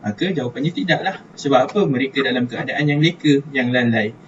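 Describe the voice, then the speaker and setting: Chatty Malaysian religious teacher, distant lo-fi mic. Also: male voice, mid-range voice, brisk. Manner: chatty, repeats words, thinks aloud while writing. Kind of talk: online class lesson. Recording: distant mic, dull lo-fi, faint hiss.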